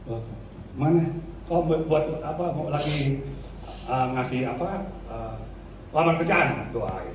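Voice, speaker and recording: A male pastor preaching in a lively, colloquial way, slipping into slang and acting out the people he quotes. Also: on the high side, slow pace, pauses often. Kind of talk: sermon. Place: church hall. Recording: echoey church hall, distant mic, faint noise.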